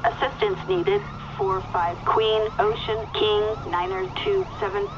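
Slow police radio dispatcher. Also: female voice, mid-range voice, sing-song. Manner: measured, halting call-outs with phonetic codes. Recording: muffled radio with loud siren noise.

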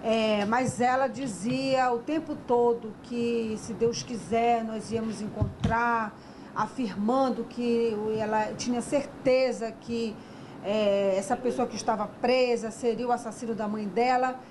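A woman's voice: fairly high pitch, steady tone, unhurried, background noise. A woman police investigator recounting an arrest to a reporter, hesitant and searching for words.

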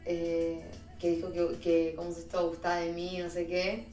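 Her warm, low-leaning voice stays monotone at a moderate pace as she casually spins stories for her stream chat, full of slang and self-directed laughter. She has an Argentine Spanish accent. A distant mic picks up a roomy space and faint background music.

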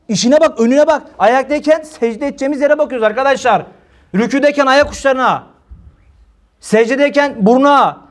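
A man with a high voice preaches to a live congregation in a hall. He jokes and tells stories, mimics the people he talks about, and laughs at his own jokes. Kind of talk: humorous religious talk to a congregation.

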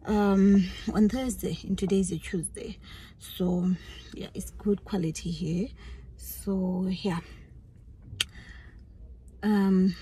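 Slow-talking woman vlogging from her car. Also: medium pitch, mellow, a little hiss or hum, low-quality recording. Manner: chatty, often drops to a near whisper. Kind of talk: casual chat to camera. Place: parked car. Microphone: phone at arm's length.

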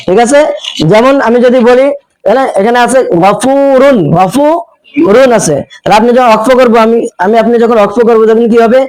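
High-voiced Bangladeshi man teaching recitation rules. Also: darkish tone, no room sound, rough recording. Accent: Bangladeshi Bengali. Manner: asks questions and answers them himself, drawn-out chanted recitation of verses. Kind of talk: tajweed lesson with recited examples.

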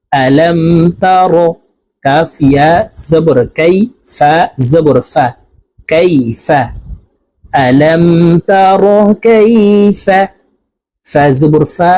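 A man teaches Quran reading letter by letter, spelling each word syllable by syllable before chanting it in long, drawn-out recitation. Between recitations he briskly explains pronunciation rules. His voice is on the high side with a darkish tone, and the recording is low quality.

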